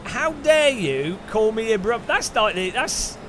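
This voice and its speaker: Commentating on a sim racing livestream, this Midlands-accented Englishman trades jokey, lively banter and breaks into abrupt squeals now and then. His delivery is measured, with slight background noise.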